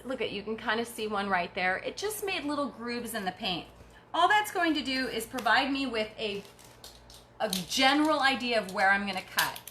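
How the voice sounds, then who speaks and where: A middle-aged woman runs a casual craft tutorial, chatting and encouraging viewers while she works, though she sounds tired. Her voice is fairly high with a sharp tone, and there's slight background noise.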